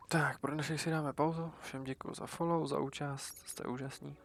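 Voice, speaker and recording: Casual male streamer, flat and creaky. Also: fairly high pitch, fairly quick, slight background noise. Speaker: game streamer. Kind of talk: casual livestream chat.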